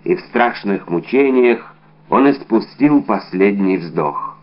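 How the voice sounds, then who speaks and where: A male audiobook reader narrating in a steady, dramatic manner. His voice sits low. The recording is dull and lo-fi. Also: slow pace. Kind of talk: scripted narration.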